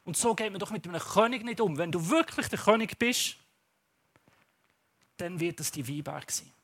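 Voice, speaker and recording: A man's voice: sits high, expressive, moderate pace, fairly bright tone, full character voice. A man with a Swiss German accent voicing a scheming queen who scolds her husband brusquely. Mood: scolding. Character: scheming queen, bossy and scornful.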